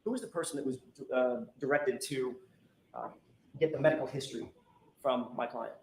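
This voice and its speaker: A man's voice: mid-range voice, normal speed, darkish tone. A man working as a defense attorney, pressing a witness with pointed, insistent questions in a courtroom recording. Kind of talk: courtroom cross-examination. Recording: echoey courtroom recording with faint noise.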